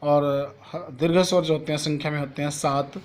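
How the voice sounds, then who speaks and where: Guy teaching kids grammar, bit higher voice, asks a question then answers it himself. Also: fairly even intonation, a little fast. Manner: spells out vowel sounds one by one. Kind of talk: classroom lesson explaining Hindi grammar to children.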